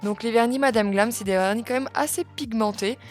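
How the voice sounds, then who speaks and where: A woman calmly narrating a step-by-step nail art tutorial as the channel's host. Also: a little high, brisk, faint music behind. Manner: calm, step-by-step explaining with fillers.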